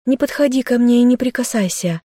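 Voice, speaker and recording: A woman's voice: on the high side, a little fast, dry recording, studio quality, pitched above the performer's own voice, natural voice. A woman voicing a fiery young captive maiden who defies her captor with raised, angry words. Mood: defiant. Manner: defiant, shouting.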